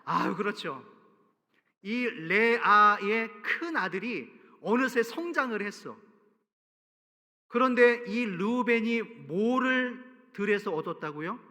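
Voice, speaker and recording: A male pastor giving an animated, storytelling sermon and cueing the congregation to read aloud together. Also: high voice, takes it slowly. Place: large church sanctuary. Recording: reverberant church hall.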